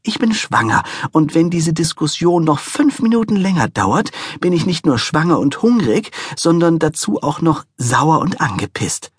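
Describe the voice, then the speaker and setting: Brief: high, shrill, bossy pregnant woman with cravings, read by a husky-voiced man, storybook. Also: very animated, normal speed, hardly any pauses, no room sound, studio quality. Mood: irritated. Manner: shrill, demanding, bratty.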